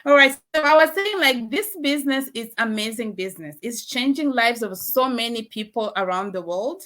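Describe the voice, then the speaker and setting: A woman's voice: a little high, animated, moderate pace, a bit bright. A woman from Canada, a guest in an online interview over a video call, speaking earnestly and repeating her words.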